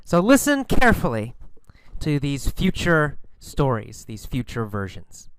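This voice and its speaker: A man teaching an English lesson, telling a short story and then explaining it slowly and carefully. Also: medium pitch, huge pitch swings, noisy background. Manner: slow, careful, explanatory delivery. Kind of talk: scripted English lesson narration.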